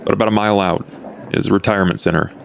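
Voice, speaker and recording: Voicing an aged and polite vampire during a tabletop game, a man uses a deep, gravelly tone and fairly level intonation. His phrasing is formal, measured and understated, his mood earnest, and faint noise sits in the background.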